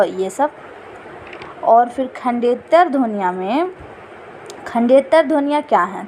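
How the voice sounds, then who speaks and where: Slow, high-voiced woman teaching. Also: darkish tone, slight background noise. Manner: slow, repeats each definition. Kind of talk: exam-prep lesson.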